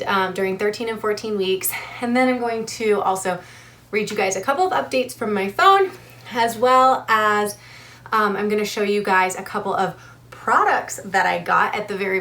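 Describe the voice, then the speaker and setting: A woman's voice: mid-range voice, pushed and bright. A young adult woman talking casually to camera as a vlogger, chatty with frequent ums and a little short of breath. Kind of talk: casual vlog talk to camera.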